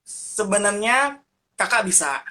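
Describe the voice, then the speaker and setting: Man, puppet ministry guest, bright tone, animated, instructional. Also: sits high, slow. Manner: animated, demonstrates voices while explaining. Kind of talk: instructional interview answers.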